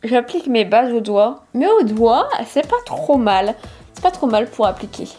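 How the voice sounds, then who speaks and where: A woman's voice: fairly high pitch, expressive, moderate pace, mellow, faint music behind. A young woman chatting casually and enthusiastically while walking through a makeup tutorial as a beauty vlogger. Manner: chatty, enthusiastic about colors.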